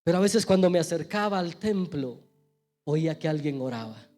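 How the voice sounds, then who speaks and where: High-voiced pastor preaching. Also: male voice, lively intonation, moderate pace, faint music behind. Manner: storytelling preacher, swells loud then drops to a hush. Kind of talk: sermon. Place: church.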